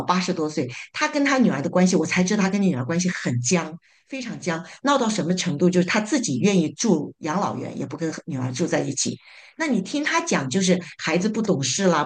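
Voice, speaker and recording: A woman's voice: lowish voice, darkish tone. Hesitant woman sharing in church group. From living in North America. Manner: halting, many fillers and repeated words. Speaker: church small group member giving a summary.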